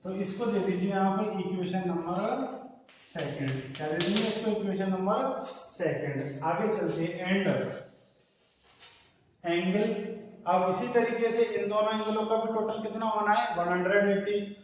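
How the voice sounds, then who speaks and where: A man's voice: high voice, measured pace, slight background noise. A man teaching a maths lesson, often asking the class questions and answering them himself. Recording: echoey room, distant from mic.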